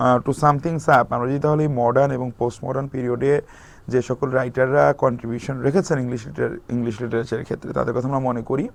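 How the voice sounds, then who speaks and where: A young man lecturing for exam preparation, explaining at length, mixing English terms into his speech and pausing on fillers. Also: mid-range voice, gravelly. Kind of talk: recorded lecture.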